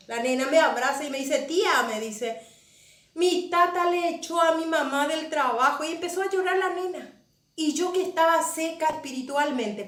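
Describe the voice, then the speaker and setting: A woman's voice: sits high, a bit bright. A woman pastor giving an emotional testimony sermon, often repeating phrases for emphasis. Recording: echoey room.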